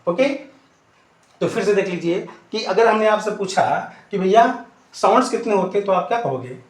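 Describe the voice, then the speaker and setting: Male English teacher, high pitch, echoey room; quizzes the class and answers himself, repeats every point. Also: animated, normal speed. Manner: addresses students fondly. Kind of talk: classroom-style lesson.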